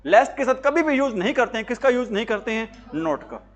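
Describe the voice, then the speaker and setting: A high-voiced man lectures a class on grammar. He fires questions at his pupils, then answers them himself, repeating key words with emphasis. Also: animated, fast, muffled recording. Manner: repetitive, emphatic teaching. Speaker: English teacher for job exams.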